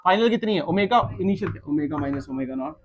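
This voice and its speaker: Teasing physics teacher, higher voice. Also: male voice, lively intonation, fast talker. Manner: teasing, coaxing, keeps asking if it is clear. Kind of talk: blackboard tutoring session. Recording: dull lo-fi recording.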